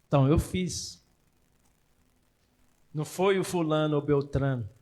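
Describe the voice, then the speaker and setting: A man with a Brazilian Portuguese accent preaching a sermon in church, swinging between loud and soft and acting out quoted voices. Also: fairly high pitch, measured pace.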